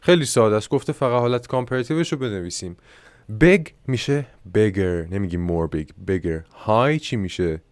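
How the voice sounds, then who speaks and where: A man teaching an English lesson online in Persian. He reads the English examples slowly and explains the grammar. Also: lowish voice, lively intonation, a little mellow, dry recording. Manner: self-mocking aside.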